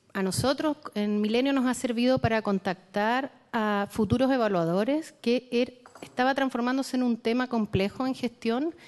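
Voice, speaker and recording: A woman who manages public science, speaking in a committee session in a measured way. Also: mid-range voice, a little mellow, in a large hall. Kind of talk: committee discussion.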